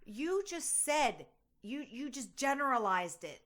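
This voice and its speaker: A woman's voice: sits high, sing-song, a little slow, fairly bright tone. A woman co-hosting a podcast in casual chat, arguing bluntly and sounding exasperated. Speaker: podcast co-host.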